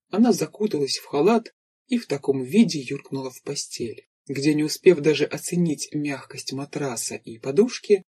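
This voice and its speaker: A man reading an audiobook in steady, measured scripted narration. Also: on the high side, husky.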